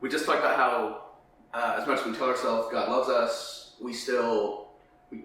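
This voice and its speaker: A man's voice: mid-range voice, moderate pace. A man with a lisp and whistling s sounds, chatting casually and jokily about faith as a podcast host, often acting out imagined lines. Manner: animated, jokey, acts out imagined dialogue. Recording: echoey room, distant mic, faint noise.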